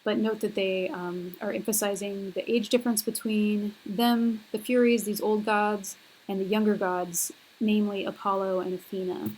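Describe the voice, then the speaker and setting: A woman's voice: mid-range voice, little pitch movement, moderate pace, darkish tone, poor audio. A young woman lecturing on a recorded university class, talking casually and hesitantly with many fillers.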